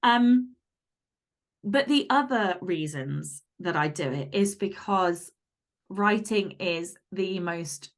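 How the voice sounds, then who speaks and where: A fiction author appears as a podcast guest, chatting candidly in a casual interview. Her medium-pitched voice is expressive and slow, and she speaks emphatically, bluntly and with plenty of swearing.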